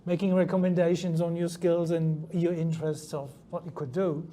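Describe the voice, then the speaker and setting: A middle-aged, German-born scientist with a New Zealand accent answers interview questions at a conference, hesitating with many ums and restarts. His fairly high, mellow voice stays level at normal speed, with faint conference noise behind him.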